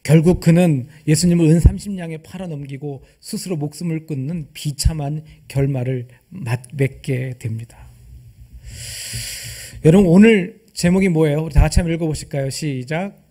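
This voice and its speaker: A man's voice: a little high, normal speed, dark tone. A male pastor preaching a sermon, asking the congregation rhetorical questions and acting out quoted dialogue. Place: church service.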